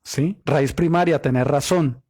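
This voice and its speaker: A man's voice: on the high side, measured pace, darkish tone, slightly rough, no echo, clean studio sound. A man teaching a Bible study, reading scripture aloud and explaining the Hebrew meaning of words, often asking rhetorical questions.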